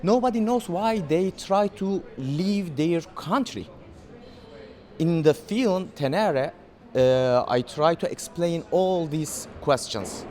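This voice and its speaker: Turkish-accented man, hesitant and halting. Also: a little high, expressive, a little mellow. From Turkey. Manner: hesitant non-native English, many fillers and restarts. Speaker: documentary filmmaker. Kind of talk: festival interview.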